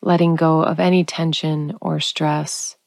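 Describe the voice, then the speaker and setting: A woman guiding a sleep meditation in a calm, soothing, unhurried sleep-story narrator manner, leaving long pauses. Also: sits low, vocal fry, no echo, clean studio sound. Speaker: guided relaxation narrator.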